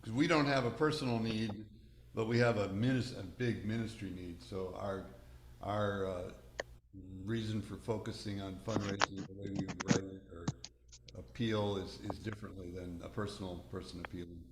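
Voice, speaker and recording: A man's voice: lowish voice, steady tone, normal speed. A man in a group discussion, talking thoughtfully and searching for his words. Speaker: class participant in ministry. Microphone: video call. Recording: roomy sound with faint noise.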